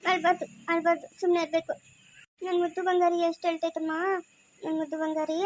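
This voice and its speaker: A woman's voice: very high-pitched, flat delivery, fast. A woman playing a loving young mother who coaxes her child with pet names, in an amateur family drama. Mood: soothing. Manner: coaxing, affectionate, repeats pet names.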